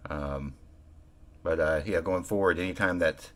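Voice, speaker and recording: Here the character is a stoic young half-orc cleric, male, performed by a man. The voice is low with a slight gravel, and the lines come out flat and halting, with frequent pauses.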